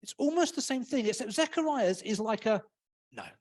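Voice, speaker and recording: Guy preaching in church, jokey, acts out little voices, lively up and down. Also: extremely high pitch, a little fast. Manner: chatty, humorous, acts out voices. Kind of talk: casual sermon.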